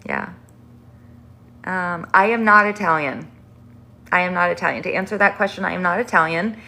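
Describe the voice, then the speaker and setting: Gravelly-voiced chatty middle-aged woman. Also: on the low side, sharp tone. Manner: chatty and rambling, with many fillers and restarts. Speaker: livestream host. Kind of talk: casual chat with viewers.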